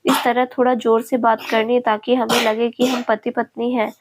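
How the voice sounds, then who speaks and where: Woman reading a meek but quick-tongued young bride. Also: on the high side, little pitch movement, heavy background noise, natural voice. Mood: pleading.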